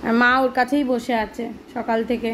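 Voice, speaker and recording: Hoarse, weary woman vlogging at home. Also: fairly high pitch, level tone, moderate pace, a bit bright, slight background noise. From Kolkata, West Bengal. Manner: weary, fretful, rambling. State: hoarse, sore throat. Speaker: vlogger, mother of a baby. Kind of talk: casual home vlog chat. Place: home indoors.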